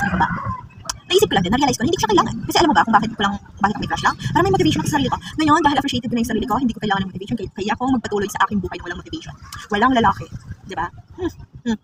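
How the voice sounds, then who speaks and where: A woman's voice: fairly high pitch, expressive, very fast, far from the mic, heavy background noise. A woman from the Philippines chatting casually and confidingly to her viewers in a vlog. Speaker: vlogger.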